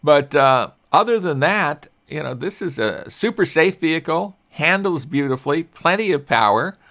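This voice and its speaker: An older man hosts a car talk show in a relaxed, chatty way. He restarts his sentences often and pokes fun at himself. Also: on the high side, normal speed. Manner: chatty, self-deprecating, many restarts. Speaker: radio show host. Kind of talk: casual car-review talk.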